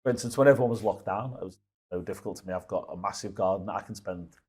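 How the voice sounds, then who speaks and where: A Liverpool guest in his fifties races through rambling stories in a casual interview, restarting again and again. His voice is low-pitched, a little mellow and breathy at the edges.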